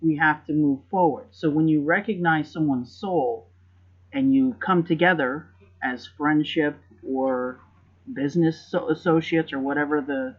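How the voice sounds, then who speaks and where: A man with a slightly high voice hosts a casual podcast chat. He talks in a rambling, reflective way and repeats words as he gathers his thoughts. The recording sounds dull and lo-fi. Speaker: podcast host.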